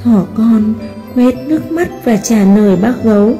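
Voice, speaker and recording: A preschool teacher, narrating a storybook tale for children slowly and carefully. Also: female voice, fairly high pitch. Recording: long hall reverb, soft music behind.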